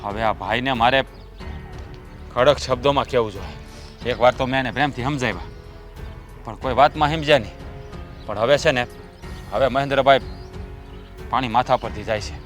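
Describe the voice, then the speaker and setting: An actor playing the headman's conciliatory younger brother, who speaks calmly and earnestly. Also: mid-range voice, moderate pace, pauses often, faint music behind, natural voice. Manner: calm, soothing, earnest. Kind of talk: village family stage drama.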